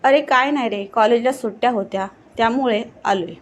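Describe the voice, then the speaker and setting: A woman's voice: fairly high pitch, brisk, slight background noise, natural voice. Woman reading as a nervous young student. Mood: uneasy. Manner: uneasy, questioning.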